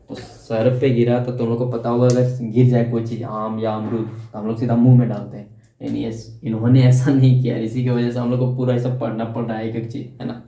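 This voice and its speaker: A man's voice: mid-range voice, dark tone. A man teaching a class at a board. He asks the class questions, answers them himself, and keeps repeating the key terms. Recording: echoey room, dull lo-fi sound.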